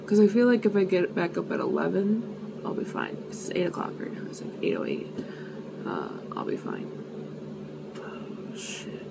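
A sleepy, worn-out vlogger in her twenties chats candidly to camera, rambling, self-deprecating and swearing a bit, first outdoors in the cold and then at home. Her voice is lowish and gravelly, and the recording is very noisy.

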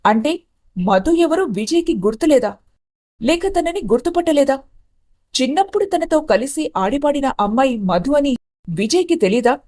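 A woman voicing a scheming young elder sister in an animated story, who talks in a tense, accusing way. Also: sits high, normal speed.

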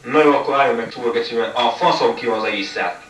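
A man's voice: medium pitch, a bit bright. Male gamer, running commentary, nonstop swearing and frustrated outbursts; distant mic, echoey room. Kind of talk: live gameplay commentary. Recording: echoey room, mic far off, faint noise.

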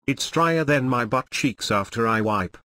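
A man's voice: medium pitch, lively intonation, measured pace, pushed and bright, no echo, clean studio sound. A man giving crude, brash comedic commentary while playing a video game. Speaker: gameplay commentator.

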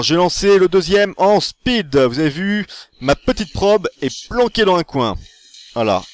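Excitable man with a lively high voice. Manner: chatty and excitable, with fillers and self-corrections. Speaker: gaming tutorial host. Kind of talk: casual tutorial commentary over his own game.

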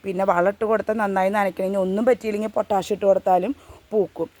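A woman's voice: mid-range voice, steady tone, very fast, darkish tone. A woman speaks outdoors in her home garden, in a casual how-to vlog. She talks earnestly, repeating her warnings and tacking friendly little checks onto her advice. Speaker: gardening vlogger.

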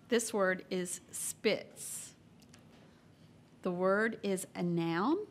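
A woman acting as pronouncer at a spelling bee, reading out words, definitions and sample sentences in a measured, plain way. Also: mid-range voice, slight background noise. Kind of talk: announcing words at a public contest.

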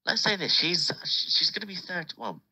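Husky bright-voiced British young man. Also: high voice, very animated, moderate pace, low-quality recording. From United Kingdom. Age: late teens. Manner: rambling, restarts while telling stories. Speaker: podcast host. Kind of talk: casual group chat.

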